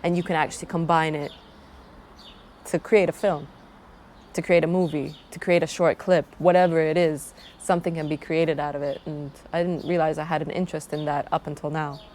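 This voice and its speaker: Speaking fairly quickly in a low-pitched, a little mellow voice with fairly even intonation, a young Croatian woman introduces herself and her travel channel. She rambles thoughtfully to camera, restarting often, and a little hiss or hum runs underneath.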